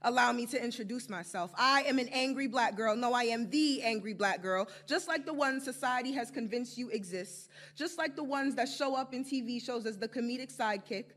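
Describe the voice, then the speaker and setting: A woman's voice: on the high side, brisk, few pauses, fairly bright tone. A young American woman performing spoken word poetry to a live audience, with an emphatic, rhythmic delivery. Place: live stage before an audience.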